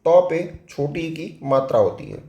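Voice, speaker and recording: A man's voice: fairly high pitch, big pitch swings, a little slow, warm tone, echoey room. A man teaching a spelling lesson for exam prep. He explains step by step with a Hindi accent, asking questions and answering them himself.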